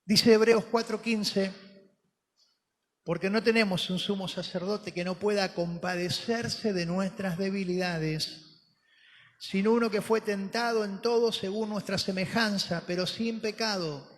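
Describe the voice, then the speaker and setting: A man preaching a sermon as pastor, telling the story dramatically and moving from soft, slow words to emphatic ones. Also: sits high, fairly even intonation. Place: church hall. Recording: long hall reverb.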